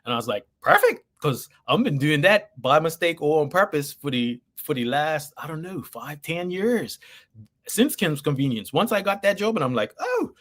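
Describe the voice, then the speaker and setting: A man's voice: fairly high pitch, sing-song, normal speed, a bit bright. A man from Bermuda with a Bermudian accent, an actor chatting as an interview guest and acting out bits of quoted dialogue as he tells stories. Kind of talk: casual conversational interview, anecdotal.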